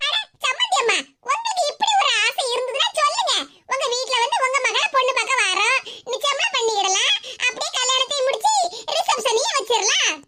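A woman's voice: very high voice, sing-song, fairly quick, very noisy. A woman with a Tirunelveli Tamil accent voicing a cheeky young daughter-in-law in a cartoon, who teases in a mocking, sing-song way.

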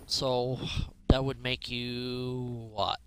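A man's voice: medium pitch, level tone, drawn-out words. A man playing a puzzled, wry time-travelling doctor in an improvised, casual game role-play. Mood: wry, curious.

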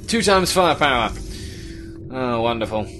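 A man commenting on a video game as he plays it. He gets excitable, swears often and puts on silly voices. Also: medium pitch, normal speed. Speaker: let's play host. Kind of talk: gameplay commentary. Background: game music.

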